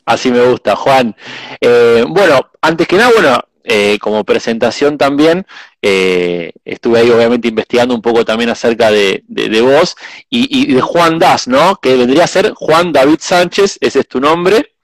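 A man with an Argentine Spanish accent hosting a podcast interview, pausing often with repeated words and fillers. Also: medium pitch, lively intonation, no echo, rough recording. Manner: warm-hearted, hesitant with many eh and repeated words. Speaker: podcast host. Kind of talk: casual interview chat.

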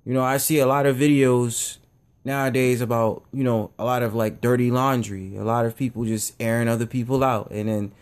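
A man's voice: medium pitch, steady tone, brisk, clean tone. Blunt rambling male show host. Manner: rambling, blunt, repeats himself. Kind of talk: casual opinion monologue.

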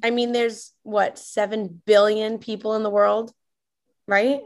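A woman's voice: medium pitch, little pitch movement, a little slow, a little mellow. A woman speaking casually as a guest on a podcast, over a video call. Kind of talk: casual fan chat.

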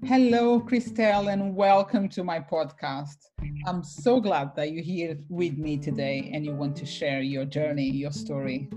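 A woman's voice: low-pitched, steady tone, unhurried, music in the background. A woman hosting a podcast interview, upbeat and welcoming as she introduces and questions her guest. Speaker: podcast host.

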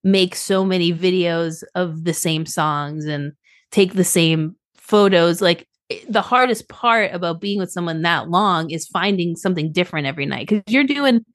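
A woman with a somewhat low voice chats easily about her work as a touring photographer. She is upbeat and laughs often. It sounds like a relaxed podcast conversation. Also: moderate pace, dry recording, rough recording. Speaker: touring photographer and videographer, guest. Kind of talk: casual podcast chat. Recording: remote call, briefly garbled by a loose cable.

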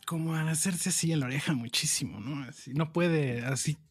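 A man plays a tabletop game and animatedly narrates what his character does. His voice sits at a medium pitch. Faint music plays behind him. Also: fairly quick, slightly rough. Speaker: player. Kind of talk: casual tabletop chat.

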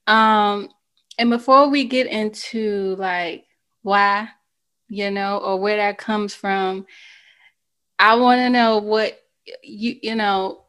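A woman from the United States hosting a casual podcast conversation, chatty and relaxed, with easy fillers. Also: medium pitch, takes it slowly, long pauses, clean tone. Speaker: podcast host.

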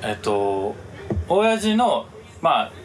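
Speaking very slowly at a medium pitch, this man co-hosts a podcast and spins a story in relaxed, filler-heavy Kansai Japanese. His rambling delivery stays lively, and the recording carries a little hiss or hum.

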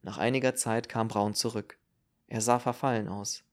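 A man giving measured, scripted narration of a novel as an audiobook reader. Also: fairly low pitch, steady tone.

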